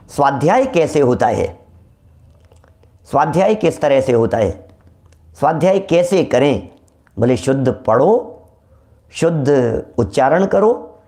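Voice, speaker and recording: A man giving a religious discourse, reciting verses slowly and repeating key words for emphasis. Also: fairly high pitch, darkish tone. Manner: slow, deliberate recitation of Sanskrit and Prakrit verses. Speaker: Jain scripture teacher.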